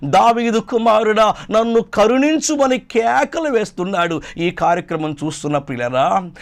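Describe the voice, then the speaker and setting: A man from Krishna district preaching a sermon to youth, exhorting with repeated phrases and rising to loud quoted cries. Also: high-pitched. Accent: Telugu, Krishna district. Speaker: pastor.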